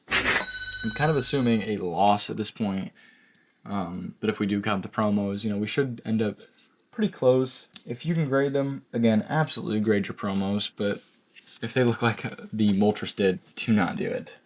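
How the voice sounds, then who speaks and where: A man hosting a card pack-opening video, chatting casually to camera with lots of fillers and self-corrections, his voice going a little hoarse. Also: on the low side, slight background noise.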